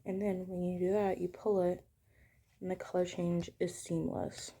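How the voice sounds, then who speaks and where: A young woman talking casually and softly while showing her crochet work at home, sometimes dropping to a hush. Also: lowish voice, little pitch movement, moderate pace, creaky. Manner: soft-spoken, sometimes hushed. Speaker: crochet vlogger. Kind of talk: casual crochet tutorial chat.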